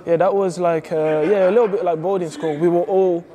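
Young French man, mellow relaxed voice. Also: sits high, fairly quick. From France. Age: young adult. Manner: relaxed, many fillers and repeated yeahs. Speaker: footballer guest. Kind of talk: casual interview. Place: indoor football training hall. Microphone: clip-on lapel mic.

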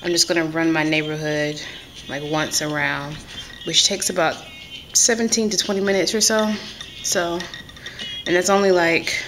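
A woman's voice: fairly low pitch, fairly even intonation, moderate pace, pauses often. A woman chatting casually in a vlog, rambling and laughing often as she talks. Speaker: vlogger. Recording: loud background noise.

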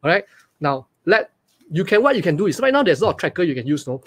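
A man in his forties with a Malaysian English accent, giving a live webinar from a small room over a webcam and talking in an energetic, repetitive way with lots of questions to the audience. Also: sits high, quick pace. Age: 40s. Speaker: online business coach. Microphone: webcam on a video call.

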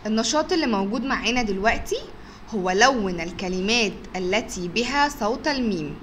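Egyptian woman, kindergarten teacher, bright and lilting, drags out sounds slowly for small kids. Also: medium pitch, lively intonation, a little hiss or hum. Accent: Egyptian Arabic. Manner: stretches words out slowly to sound out letters, with frequent praise. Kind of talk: recorded phonics lesson for young children.

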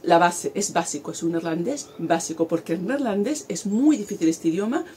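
This forties-aged woman from Spain talks casually and animatedly to camera in a garden, gesturing throughout, in a Spanish accent. Her lowish voice is mellow and moves at a normal speed over slight background noise.

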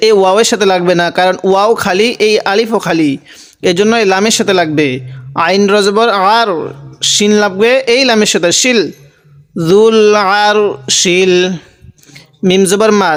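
A man's voice: high voice, normal speed, fairly bright tone. A man teaching Quran reading, spelling out Arabic letters one by one and then chanting the words drawn out. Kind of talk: slow spelling-out recitation lesson. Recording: long hall reverb.

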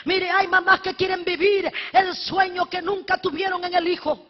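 Woman preacher shouting a sermon, high voice, big echoey church hall, kinda dull lo-fi sound. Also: level tone, normal speed. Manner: fervent, often shouting exhortations with humorous asides. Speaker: evangelist preacher.

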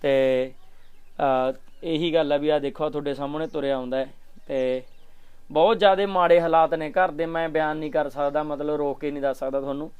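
Young guy begging folks to share and help, smooth voice, a bit high. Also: steady tone, a little fast, darkish tone. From Punjab, India. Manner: pleading, repeats requests to share and help. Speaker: charity vlogger. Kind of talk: vlog appeal. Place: outdoors at a village home. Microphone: handheld mic.

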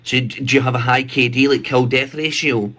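Posing as an army recruiter, a man in his thirties makes a rambling, mock-official prank phone call from a small, bright bedroom, recorded on a phone. His mid-range voice is steady, brisk, and sharp.

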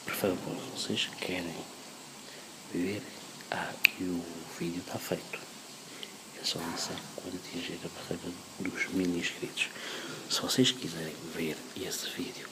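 A man in his thirties with a European Portuguese accent, whispering softly into a phone held close while he vlogs indoors at a mosque. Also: low voice, rough recording. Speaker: vlogger. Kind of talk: casual vlog.

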